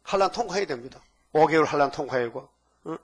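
A man's voice: fairly high pitch, expressive, fast talker, husky. An older man preaching a sermon, full of rhetorical questions. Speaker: pastor.

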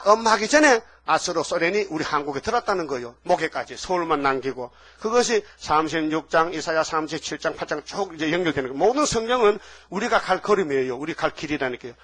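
An older man delivers a sermon. His voice is bright and forceful, a little higher than most men's. He keeps breaking into animated acted-out dialogue from scripture. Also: dry recording. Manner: animated preacher, acts out biblical dialogue. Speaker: pastor.

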